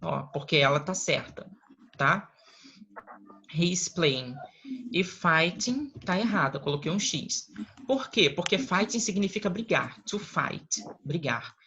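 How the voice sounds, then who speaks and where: A man's voice: a little high, animated, gravelly, bright, forceful tone, a little hiss or hum. Patient man teaching English. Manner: patient, explains step by step, often checks with a quick question tag. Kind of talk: recorded online class lesson. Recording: slightly dull lo-fi recording.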